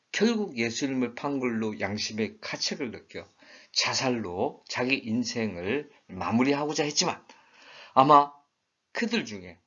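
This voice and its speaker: Heard on a dull lo-fi recording, a Bible teacher speaks in a fairly bright, mid-range voice. His lecture is conversational, full of rhetorical questions and quoted lines he acts out in regional dialects.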